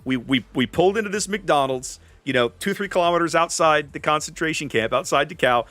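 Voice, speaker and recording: A man's voice: fairly high pitch, fairly quick, bright, forceful tone, no room sound. A man hosting a live stream, chatting casually to viewers and telling a rambling travel story with many restarts. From United States. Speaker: streamer host.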